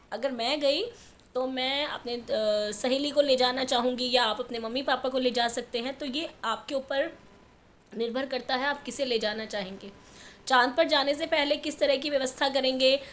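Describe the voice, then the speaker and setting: A woman's voice: high-pitched, fairly bright tone, a little hiss or hum. A woman teacher patiently explaining a textbook lesson to young children step by step. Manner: patient, step-by-step, repeats answers slowly. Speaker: primary school teacher.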